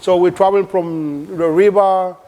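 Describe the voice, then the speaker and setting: A man's voice: high-pitched, steady tone, mellow. Man telling his story. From Sudan. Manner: halting, full of "you know" and "like" fillers. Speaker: interview guest. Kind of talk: casual interview storytelling.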